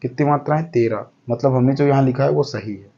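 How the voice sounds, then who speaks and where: A man's voice: medium pitch, fairly quick, vocal fry, warm tone, husky, dull audio. A man teaching a lesson step by step, counting aloud and often checking that the class follows. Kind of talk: explaining a lesson.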